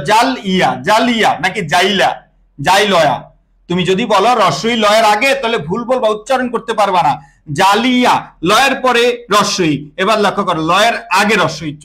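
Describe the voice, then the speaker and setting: A man's voice: high-pitched, fairly bright tone. A young Bangladeshi man teaching an online class, drilling pronunciation and asking and answering his own questions, with English words mixed into his speech.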